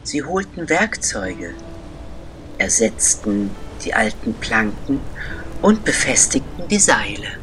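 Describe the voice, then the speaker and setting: A man telling a children's story as scripted narration, slow and deliberate with dramatic pauses. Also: medium pitch, sing-song, over music.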